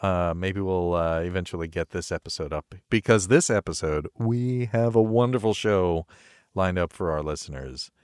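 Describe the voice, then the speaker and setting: A man with a buttery smooth voice hosting a podcast with casual, jokey banter. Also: low-pitched, normal speed, a little mellow, dry recording, studio quality. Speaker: podcast host.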